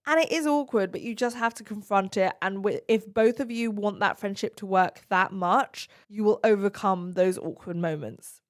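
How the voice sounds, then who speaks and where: A woman's voice: medium pitch, moderate pace, hardly any pauses. A woman hosting an advice podcast, answering listener questions in an earnest, direct and reassuring way.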